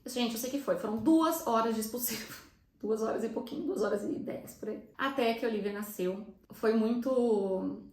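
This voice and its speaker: A woman's voice: on the high side, a little mellow, echoey room. A young Brazilian woman with a Brazilian Portuguese accent telling viewers a personal story in a chatty vlog style, emotional and close to tears. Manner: chatty, fast, often addresses viewers directly. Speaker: vlogger recounting her birth.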